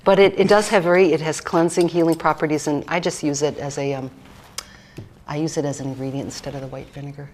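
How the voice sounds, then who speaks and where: Low-voiced chatty woman cooking author. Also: fairly even intonation, quick pace, a little mellow, slight background noise. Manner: chatty, rambling, with fillers and jokes. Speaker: cookbook author guest. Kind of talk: casual cooking demonstration chat.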